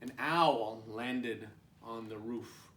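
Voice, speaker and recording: A man with a mid-range, fairly bright voice draws out his words as he reads a children's picture book aloud. He's a preschool teacher hosting storytime, reading expressively and adding little asides for the young listeners. The sound has a roomy echo, with the microphone placed at a distance.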